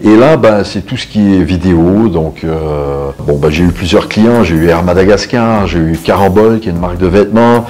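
In a self-portrait interview set in a photo studio with music playing behind him, a middle-aged Canadian videographer, photographer and musician talks. His low, darkish voice moves at a normal pace with few pauses.

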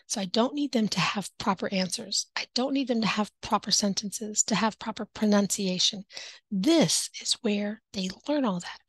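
A woman's voice: mid-range voice, moderate pace, slightly rough. A chatty woman who teaches English online, speaking casually to camera in a mid-range voice. She acts out little classroom exchanges and slips into whispered asides now and then. The sound is dry and close, with no room echo. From native English speaker.

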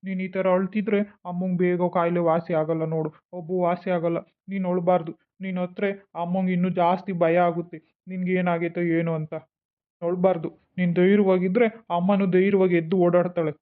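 A man's voice: high-pitched, level tone, brisk, lightly acted. A man voicing a young father in a cartoon, comforting his child patiently. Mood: soothing. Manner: soothing, patient. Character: caring young father, gentle and sad. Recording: tinny phone-like sound.

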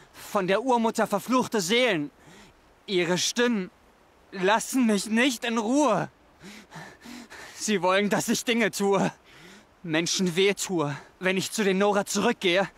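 An anguished, haunted outcast. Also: male voice, high-pitched, a little slow, fairly bright tone. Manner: anguished, pleading, desperate. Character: troubled young man haunted by voices, pleading. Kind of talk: video game dub.

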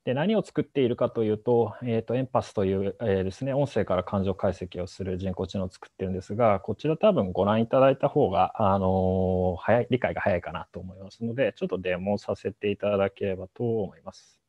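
A man's voice: on the low side, fast talker, dark tone, no room sound. A man, a startup co-founder, giving a polite, hedging presentation in an online talk, with many fillers. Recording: muffled dry call audio.

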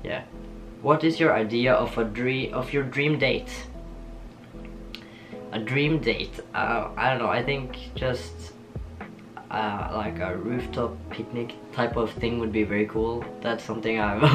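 Soft guitar music plays beneath a young man from Norway as he records a casual get-to-know-me vlog in a small bedroom studio lined with shelves and posters. His mid-range voice carries a Norwegian accent. He stays relaxed and giggly, laughing a lot and stumbling through ums and restarts.

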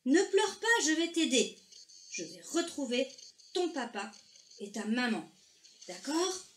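Lady doing a little brave fish kid from a picture book, squeaky high and kind, slow. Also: big pitch swings, roomy sound, a little hiss or hum. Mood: comforting. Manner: high chirpy childlike voice. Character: tiny brave silver fish, curious boy.

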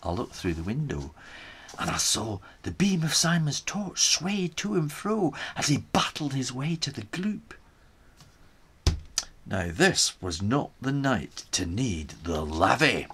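A man's voice: medium pitch, sing-song, takes it slowly, fairly bright tone, a little hiss or hum, voice pushed down, exaggerated voice. A man voicing a crafty Scottish island man, telling the story in the first person with a put-on Scottish accent. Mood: sly. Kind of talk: storytime reading in character.

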